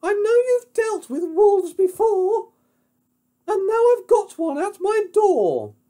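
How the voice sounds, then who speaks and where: A tiny storybook pig in a very high, piercing falsetto. It is loud, pleading and frightened, yet plucky. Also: big pitch swings, takes it slowly, full character voice. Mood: panicked pleading. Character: small, frightened but plucky little pig.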